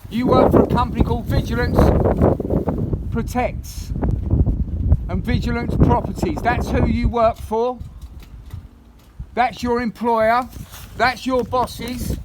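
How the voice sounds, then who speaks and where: A man's voice: very high voice, flat delivery, slow, pauses often, heavy background noise. A man firmly and insistently telling people at his property to leave, repeating legal warnings. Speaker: property occupier confronting bailiffs. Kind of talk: confrontational recorded exchange.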